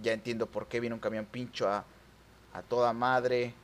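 A young man with a Mexican accent commentating his own online racing gameplay, excitable and yelping at near misses. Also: medium pitch, moderate pace. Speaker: gaming YouTuber.

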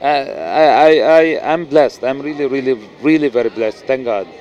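Heard through a muffled recording, a middle-aged actor with a Lebanese accent speaks at normal speed in a slightly mellow, mid-range voice. It's a casual interview at a noisy indoor event venue, and he talks earnestly into a handheld mic, stumbling into restarts and fillers.

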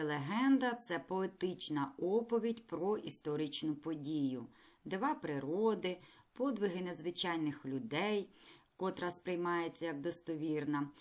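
A woman teaching a primary school lesson in a recorded video, speaking clearly, patiently and encouragingly. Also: on the low side.

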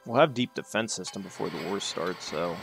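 The recording is rough, with faint music behind a low-pitched, fairly bright voice that has vocal fry and runs a little fast. A native English-speaking man hosting his own gaming channel, he thinks aloud during a strategy game, rambling and throwing sarcastic asides at himself in casual commentary.

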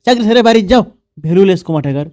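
A man's voice: sits high, expressive, rapid-fire, a little mellow. A man with a Bogura accent from northern Bangladesh playing a bossy army officer and father in a comedy dub, scolding and sarcastic. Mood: angry scolding. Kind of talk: comedy dubbing in dialect.

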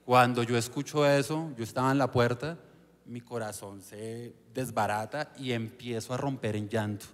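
A man's voice: medium pitch, steady tone. Earnest man in an echoey hall. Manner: earnest, halting with frequent restarts. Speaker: panel guest giving testimony. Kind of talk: church testimony storytelling.

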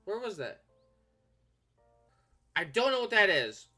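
A man giving joking, casual commentary as he plays a video game, now and then breaking into excited shouts. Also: sits high, slow pace, faint music behind. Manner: joking, bursts into shouts while playing. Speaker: gaming YouTuber.

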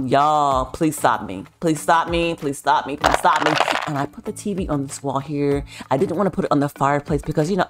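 Woman vlogger, low voice with big swings, over soft background music. Excitable, gushing tour host who talks straight to her viewers. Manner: gushing, excitable, repeats herself for emphasis. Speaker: vlogger giving a virtual home tour. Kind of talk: casual chatty tour narration.

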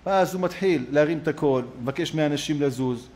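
A rabbi with a somewhat high voice gives a sermon in a synagogue. He tells the story with lively energy. He acts out the lines of each person in it. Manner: animated storyteller who acts out the quoted speakers.

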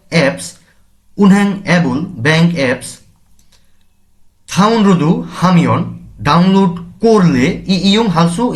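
A man teaching a language lesson, reading each word aloud and then explaining its meaning and use. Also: a little high. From Bangladesh.

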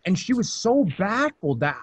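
A man's voice: sits high, very animated, moderate pace, breathy edge, dry recording, heavily acted. A young man acting Charlie, a restless, defensive young man lost in a strange dream space, in an amateur videoplay recorded over a video call. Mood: wistful. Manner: edgy and defensive, questions loudly.

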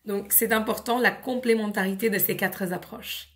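A woman with a French accent gives a calm lesson to parents. She explains methods step by step, clearly and patiently, and often stops to model simple English words. Her voice sits at an ordinary middle pitch. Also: normal speed. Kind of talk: explanatory teaching talk.

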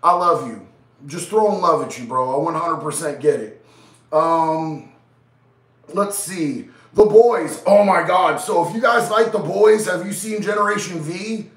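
This low-quality recording catches a thirtyish man hosting a casual livestream, his nasal, congested head cold audible as he reads chat messages in an easygoing, slangy manner. The voice is a little high and fairly bright, at a measured pace, picked up from a distance with a roomy sound inside a small studio glowing with neon lights.

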